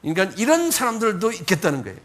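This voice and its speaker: A male pastor delivers a Sunday sermon in a loose, conversational way, with a voice that sits a little high for a man. He stumbles into repeats and corrections, then lifts his voice sharply to act out the pleas he quotes. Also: huge pitch swings, racing, a bit bright. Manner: conversational preaching, acts out quoted pleas with raised voice; frequent repetitions and self-corrections.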